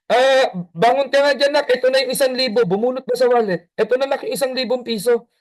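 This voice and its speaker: A man voicing a tired, busy businessman father who snaps at his child and then softens. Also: high voice, quick pace, voice pushed up, close to an everyday voice. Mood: remorseful. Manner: impatient, scolding, then soothing.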